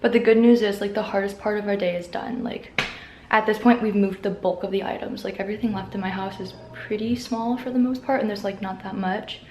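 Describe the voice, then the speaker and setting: A woman's voice: medium pitch, fairly even intonation, brisk, dark tone. Young woman, casual upbeat vlogger, fillers galore, noisy camera audio. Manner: chatty, upbeat, filler-heavy. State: tired, out of breath at times. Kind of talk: casual vlog narration. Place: around the city, indoors and outdoors. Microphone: handheld camera mic.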